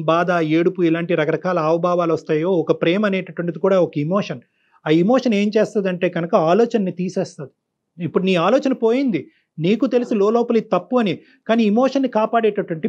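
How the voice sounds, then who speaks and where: A man's voice: sits high, a little mellow, dull audio. A man counseling a caller on a call-in show, stern and preachy, repeating phrases for emphasis. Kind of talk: lecturing advice to a caller.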